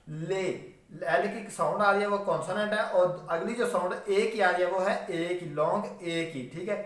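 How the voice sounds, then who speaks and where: A man's voice: high voice, a bit bright. A man giving a shorthand lecture, explaining patiently and repeating checks with students as he spells out words letter by letter. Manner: patient, repetitive explaining, frequent "theek hai" checks. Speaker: shorthand teacher. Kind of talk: classroom lecture. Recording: very echoey room, voice from a distance.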